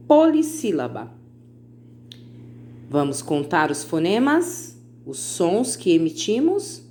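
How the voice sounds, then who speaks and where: A woman teacher recording a video lesson for children, with patient explanations and slowly stretched-out example words. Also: lowish voice, slight background noise.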